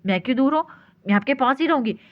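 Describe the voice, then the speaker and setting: A naive, tearful young bride voiced by a woman pleads in a childlike, stubborn way. Her voice sits a little high and moves a lot. The storybook recording is dull and lo-fi. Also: lively intonation, fast talker. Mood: stubborn pleading.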